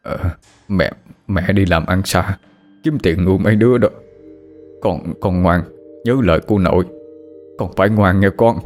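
A man voicing a gentle old grandfather who soothes his grieving grandson in a slow, low voice. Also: soft background music. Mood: soothing.

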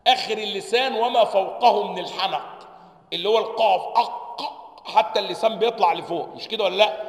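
A man's voice: high-pitched, fast. A man with an Egyptian accent teaching a lesson on the articulation of Arabic letters, reading from a text, sounding out the letters and checking often that his students follow. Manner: checks understanding with repeated questions; demonstrates letter sounds aloud. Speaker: sheikh teaching Quran sciences. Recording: echoey hall reverb.

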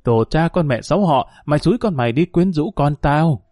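Shrill spiteful old village woman, as a man puts her on. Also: animated, brisk, dark tone, no echo, clean studio sound, lightly acted. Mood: shrieking abuse. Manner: screeching, abusive.

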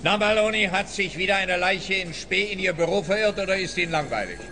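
An actor playing a smug police officer in a radio play, with a pompous, taunting way of talking. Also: male voice, high voice, fairly quick, music in the background, lightly acted. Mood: mocking, boastful. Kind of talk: scripted radio play acting.

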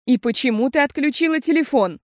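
A woman reading an audiobook, voicing a worried but steady mother who speaks earnestly and deliberately. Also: high voice, dry recording, studio quality, voice pushed up. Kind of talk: audiobook character voice.

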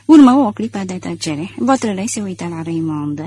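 Naratoare de carte audio, voce voalată. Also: female voice, fairly low pitch, slightly rough. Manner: steady, measured storytelling. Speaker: audiobook narrator. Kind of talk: scripted narration.

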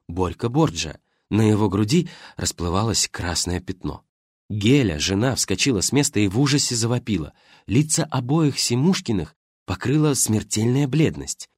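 A man narrating an audiobook with expressive storytelling. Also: on the low side, breathy edge, no room sound, clean studio sound.

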